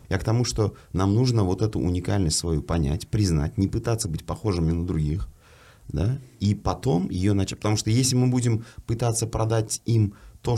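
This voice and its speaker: A man's voice: deep voice, dark tone. A man talks in a casual discussion style. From Uzbekistan.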